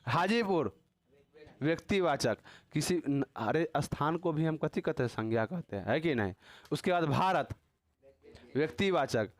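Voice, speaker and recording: A man's voice: on the high side, animated, normal speed, no echo. A man teaching a casual grammar class, teasing and quizzing his students with constant tag questions.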